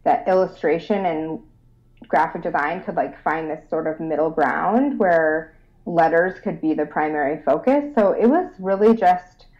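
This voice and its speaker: A bubbly young woman from Rochester talks eagerly as an interview guest. Her voice sits on the lower side, and the recording sounds dull and lo-fi. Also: unhurried. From Rochester, New York. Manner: bubbly, eager, laughs often. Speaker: guest designer. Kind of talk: casual interview.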